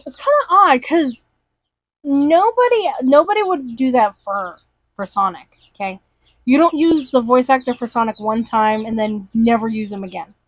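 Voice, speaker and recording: High-voiced woman telling a story with gusto. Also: moderate pace, no room sound, rough recording. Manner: animated storyteller, acts out characters' lines. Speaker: podcast co-host. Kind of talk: casual chat.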